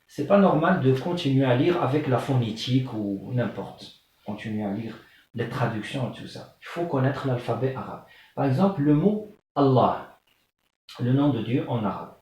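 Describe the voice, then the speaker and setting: A man's voice: medium pitch, animated, darkish tone, recorded from a distance. A man teaching the alphabet in French, patiently repeating terms and checking understanding with the class. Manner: patient, repeats terms slowly, frequent "euh" and "d'accord?". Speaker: Arabic teacher. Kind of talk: classroom lesson explaining the alphabet. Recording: very echoey room, voice off-mic.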